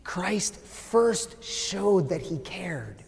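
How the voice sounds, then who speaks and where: Animated priest preaching in a church. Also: male voice, high voice, drawn-out words, vocal fry, soft background music. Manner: animated, gesturing, voice swings from loud emphasis to near-whisper. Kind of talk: sermon. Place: large church sanctuary. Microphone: far camera, no visible mic. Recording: long church reverb.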